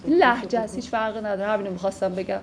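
A literature teacher with a mid-range voice recites classical poetry and then explains the verses in a casual, conversational way. The background is noisy.

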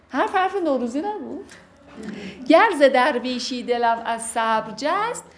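A woman recites classical verse, then explains it line by line in lively, everyday speech. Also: a little high, slight background noise. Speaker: teacher explaining classical poetry.

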